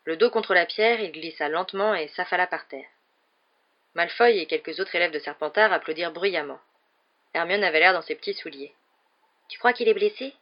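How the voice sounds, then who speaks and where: A man narrating a novel as an audiobook reader in a steady, even storytelling manner. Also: a little high, fairly quick. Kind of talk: read-aloud narration of a novel. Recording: dull lo-fi recording.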